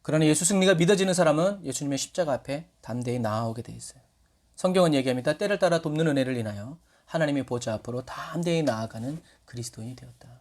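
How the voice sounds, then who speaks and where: A man's voice: a little high, fast talker. A man preaching a Sunday sermon as pastor, asking his congregation questions and acting out little scenes. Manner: lively, asks the congregation questions and acts out quotes.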